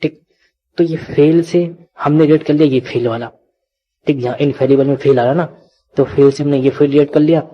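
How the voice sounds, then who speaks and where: A man's voice: fairly high pitch, steady tone, moderate pace, husky, muffled recording. A man teaching a vocabulary lesson who keeps asking questions and answering them himself. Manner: repetitive, asks and answers own questions.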